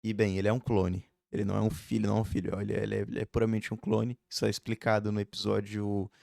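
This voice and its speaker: A man in his twenties vlogs at home, talking fast in a lowish, level voice that's slightly mellow with some vocal fry. The studio-clean recording has no room sound, and his chat rambles with frequent fillers and tag questions.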